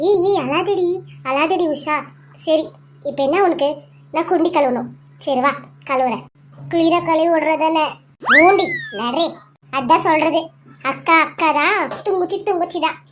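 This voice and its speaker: A woman voicing a bossy, scolding elder sister in a Tamil cartoon, talking sharply and shouting. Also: very high-pitched, measured pace, pauses often, a little hiss or hum. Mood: grumbling. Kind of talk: cartoon voice acting.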